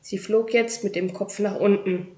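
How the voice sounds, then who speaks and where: A woman narrating a children's book in a lively, expressive storytelling manner. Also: mid-range voice, normal speed. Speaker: audiobook reader. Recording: roomy echo.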